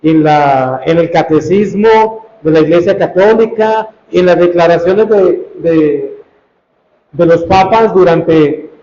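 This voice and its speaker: A man with a high yet dark, mellow voice preaches a sermon as a priest, speaking slowly and emphatically and repeating his key phrases. The recording is dull and echoey, as if made in a church or hall, with faint ambient noise behind him. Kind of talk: sermon teaching.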